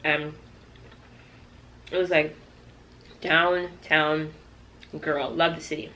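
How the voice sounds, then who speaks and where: A woman's voice: sits low, level tone, drawn-out words, sharp tone, a little hiss or hum, poor audio. A woman from Canada talking casually and directly to her viewers in a chatty storytime vlog. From Toronto, Canada. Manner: conversational, addressing viewers directly. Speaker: YouTube vlogger.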